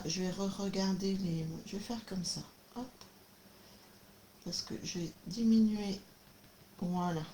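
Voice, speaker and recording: A chatty woman with a slightly low voice shows off her craft supplies at her desk, full of little fillers and bursts of delight. The home recording has clear background noise. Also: darkish tone. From France. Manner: chatty, enthusiastic, many fillers and little exclamations. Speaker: craft video host. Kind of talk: casual live unboxing chat.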